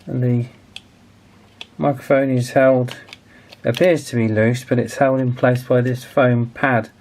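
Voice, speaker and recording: A man in his forties, a video host who restores radios as a hobby, casually narrates a hands-on repair, hesitant and thinking aloud as he works. His voice is mid-range, steady, darkish in tone, and a little slow.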